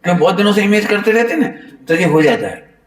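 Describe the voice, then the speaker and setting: Man, sermon, fairly high voice, animated, teasing, echoey hall, distant mic. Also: fast talker. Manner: animated, playful, teasing the audience. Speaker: Jain preacher. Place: temple hall.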